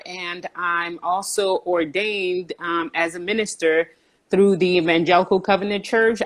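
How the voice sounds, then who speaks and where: A woman in her forties, born in Haiti, calmly explaining things as a guest counselor in a conversational interview, with frequent fillers. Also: lowish voice. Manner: calm, explanatory, with frequent "um" and "you know".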